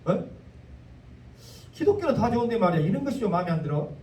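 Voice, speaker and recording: Folksy Jeolla pastor preaching in an echoey church. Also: male voice, high-pitched, sing-song, very fast, dark tone, slight background noise. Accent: Jeolla Korean. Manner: folksy and joking, slipping into dialect asides. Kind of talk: sermon. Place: church sanctuary. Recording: echoey church hall, mic at a distance.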